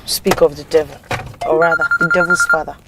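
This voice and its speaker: An actress playing a driven, stern manager who speaks in a sharp, scolding way. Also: female voice, low voice, steady tone, a little fast, heavy background noise. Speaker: company manager.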